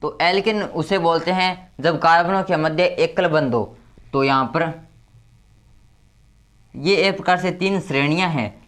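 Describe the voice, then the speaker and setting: A man teaching chemistry step by step, who repeats key terms and counts slowly aloud. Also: on the high side, fairly bright tone. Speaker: chemistry tutor. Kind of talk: explaining step by step at a board.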